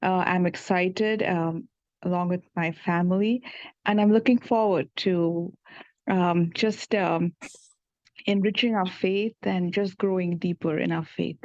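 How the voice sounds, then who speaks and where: A woman's voice: lowish voice, fairly even intonation, measured pace, darkish tone, no echo, dull audio. A woman in her forties from Maryland, introducing herself on a video call as a tour participant, eager and full of fillers. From Maryland, USA.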